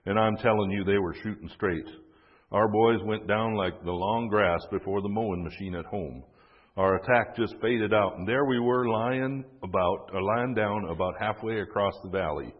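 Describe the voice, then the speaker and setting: A man's voice: fairly low pitch, normal speed, natural voice. A man putting on a plain-spoken southern soldier. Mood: grim. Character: young southern male infantryman recounting battle. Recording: dull, echoey recording.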